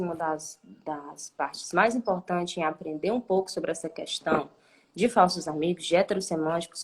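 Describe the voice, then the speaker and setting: A woman teacher speaks at a middle pitch and explains ideas patiently during a live online class. She keeps checking in with her listener through a questioning "né?" and sometimes restarts her sentences while she thinks aloud. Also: fairly bright tone. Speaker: Spanish teacher.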